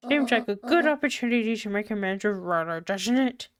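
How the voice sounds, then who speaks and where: A woman reading as a gentle wise grandma. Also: medium pitch, lively intonation, clear, resonant tone, no echo, studio quality, lightly acted. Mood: coaxing. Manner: soft, measured, advice-giving.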